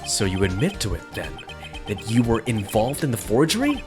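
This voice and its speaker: A man's voice: on the low side, sing-song, moderate pace, over music. Man doing an earnest young defense attorney. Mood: accusing. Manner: dramatic courtroom delivery, breaks into laughs.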